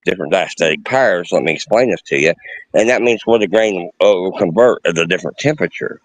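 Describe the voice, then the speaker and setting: A man's voice: low-pitched, fast, no echo, low-quality recording. A man, chatting casually and explaining things in a folksy, emphatic way like an experienced craftsman. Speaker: experienced distiller. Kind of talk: casual chat, explaining distilling.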